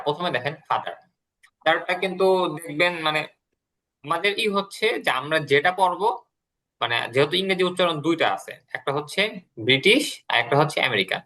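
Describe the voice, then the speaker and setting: Bright-voiced teacher explaining patiently. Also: male voice, fairly high pitch. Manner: explains patiently, repeating words and translations. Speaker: English teacher. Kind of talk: classroom lesson.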